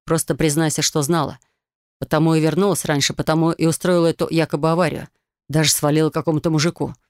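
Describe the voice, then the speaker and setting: A woman's voice: low voice, level tone, fast, a little mellow, no echo, studio quality, close to an everyday voice. Woman voicing a cold scornful husband. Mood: accusing. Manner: blunt and scornful. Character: cold contemptuous husband, adult man. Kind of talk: audiobook character voice.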